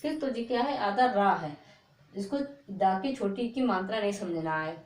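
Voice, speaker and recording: A woman teaching a reading lesson, stretching out each word slowly and checking in with "okay" after each one. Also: medium pitch, expressive. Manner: slow, drawn-out repetition of words, frequent "ok" checks. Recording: echoey room.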